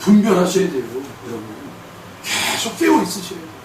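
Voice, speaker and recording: A male pastor preaching a sermon in a church sanctuary, emphatic, with shouted bursts and rhetorical questions. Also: high voice, huge pitch swings, a little fast, noisy background. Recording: echoey hall from a distant mic.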